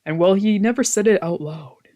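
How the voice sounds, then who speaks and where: A man with a high-pitched but dark-toned voice talks a little fast as he streams a visual novel. His casual let's play commentary mixes with read-aloud narration, full of reactions, swearing, trailing off and self-corrections.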